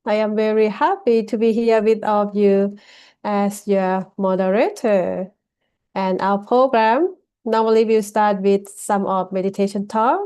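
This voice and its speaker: Female moderator, polite and ceremonial, slow, smooth mellow voice. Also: mid-range voice. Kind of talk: formal welcome and introduction.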